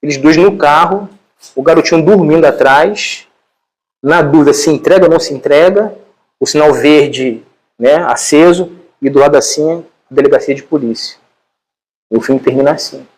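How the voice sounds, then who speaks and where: A Brazilian man with a slightly high voice lectures informally. He retells a film to his listeners in animated, colloquial storytelling, leaning on repeated fillers. His Portuguese accent is plainly Brazilian. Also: moderate pace, poor audio.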